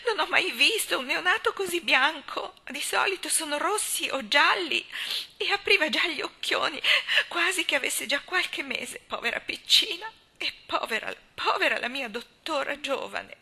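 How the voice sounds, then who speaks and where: A woman voicing a simple, tender housekeeper who talks through sobs in a much higher voice. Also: fairly even intonation, normal speed, few pauses, bright, forceful tone, full character voice. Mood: tearful.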